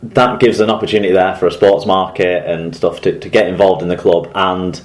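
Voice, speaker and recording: A man with a fairly low voice co-hosts a casual sports podcast. He reads listener messages aloud in a relaxed way and chuckles now and then as he goes. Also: fairly quick, slight background noise. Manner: relaxed, laughs often while reading. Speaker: podcast co-host.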